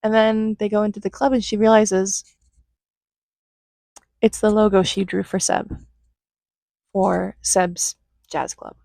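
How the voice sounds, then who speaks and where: A young woman recapping a movie in casual, flippant commentary, acting out lines in quick put-on voices. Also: mid-range voice, fairly even intonation, vocal fry, warm tone, no echo, rough recording. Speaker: movie reviewer.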